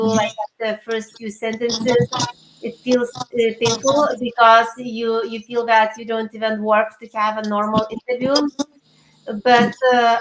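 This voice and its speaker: Her voice fairly high and very even, a career coach guesting on an interview responds earnestly, with hesitations. She has a Lithuanian accent, and the recording picks up echo and background noise.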